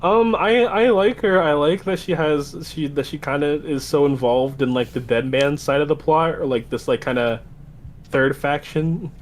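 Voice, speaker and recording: A man chatting on a group call, fairly high-pitched and quick to argue. He talks over others, repeats his objections over and over, and a faint noise sits behind him. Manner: excitable, argues loudly, repeats "no". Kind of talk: casual heated chat.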